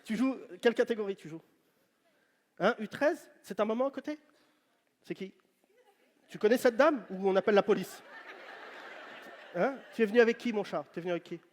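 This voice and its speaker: A stand-up comedian with a strikingly high voice works the crowd, teasing people loudly. He talks into a handheld mic on a big stage. The live show carries a long reverb from the hall. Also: brisk, long pauses. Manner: teasing, loud banter with the audience. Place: large venue on stage.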